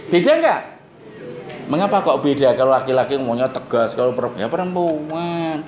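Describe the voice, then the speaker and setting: A man's voice: medium pitch, lively intonation, a little mellow. Javanese-accented male teacher in an echoey classroom. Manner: joking, quizzes the class with quick questions. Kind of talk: classroom lecture. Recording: roomy classroom echo, faint noise.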